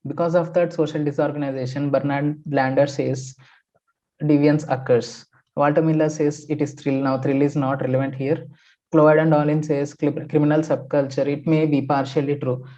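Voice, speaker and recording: A man's voice: fairly high pitch, little pitch movement, normal speed, mellow. A man, a sociology teacher explaining newspaper articles in a methodical lecture full of fillers and restarts. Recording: dull lo-fi sound.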